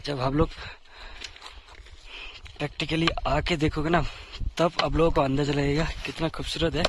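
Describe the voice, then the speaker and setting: A man vlogging outdoors while climbing a steep snowy trail, out of breath and talking slowly between breaths to his viewers. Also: fairly high pitch, level tone, noisy background. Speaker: travel vlogger. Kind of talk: casual vlog narration while trekking. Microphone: handheld camera while walking.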